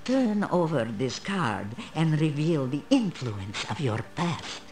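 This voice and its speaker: Old female fortune teller, video game character, slow solemn delivery, sweeping intonation, mysterious, proud. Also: low voice, big pitch swings, a little mellow, soft background music, heavily acted.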